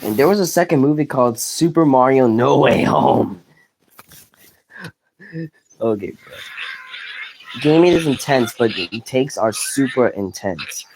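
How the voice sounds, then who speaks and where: Man, casual gameplay commentator, rambling delivery, mid-pitched voice, noisy recording. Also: animated, unhurried, pauses often. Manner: rambling, restarts sentences, laughs at own jokes. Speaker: gaming commentator. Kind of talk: casual commentary while playing.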